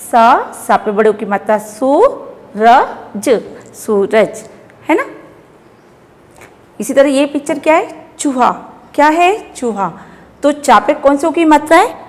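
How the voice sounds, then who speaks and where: Indian woman primary teacher, fairly high voice, deliberate pace, long reverb on the recording. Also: animated. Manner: slow, drawn-out syllables for children to repeat. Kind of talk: children's phonics lesson.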